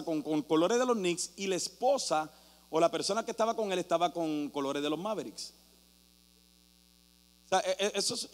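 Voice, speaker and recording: A man preaching a sermon as pastor, telling a story animatedly and acting out shouting crowds. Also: high voice. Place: church hall. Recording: reverberant hall with mains hum.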